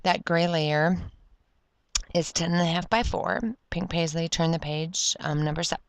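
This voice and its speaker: A woman's voice: lowish voice, little pitch movement, moderate pace, clean tone, dry recording. A woman chatting casually through a scrapbooking tutorial at her craft table, rambling and correcting herself, with the hiccups. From Florida. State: has the hiccups. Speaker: scrapbooking video creator.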